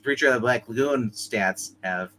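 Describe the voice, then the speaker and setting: During a tabletop roleplay game, a player chats casually and jokily, animated and throwing in his own vocal sound effects. His voice is medium-pitched at a moderate pace.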